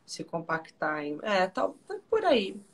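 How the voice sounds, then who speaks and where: A woman's voice: medium pitch, huge pitch swings, measured pace. Chatty young woman on a live stream. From Paraná, Brazil. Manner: chatty, reads fan comments aloud. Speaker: actress hosting a fan live stream. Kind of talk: casual live-stream chat. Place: home living room, indoors. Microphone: video call on webcam.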